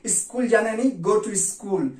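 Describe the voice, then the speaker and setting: A woman teaching a spoken English lesson in Hindi, repeating each example sentence slowly and deliberately. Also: medium pitch, a little mellow. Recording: roomy echo, distant mic.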